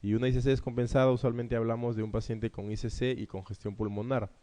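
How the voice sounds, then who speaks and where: A man's voice: medium pitch, level tone, fast talker, mellow. A man with a Peruvian Spanish accent giving an exam review lecture on cardiology, explaining each question and often tagging his points with a rhetorical "¿no?". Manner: explanatory, frequent rhetorical "¿no?" tags. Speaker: medical lecturer.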